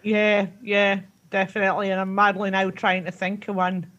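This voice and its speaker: A woman's voice: mid-range voice, monotone, moderate pace, a bit bright, muffled recording. A woman with a Scottish Borders accent chatting playfully on a radio show, often laughing. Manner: giggly, playful. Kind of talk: casual radio chat.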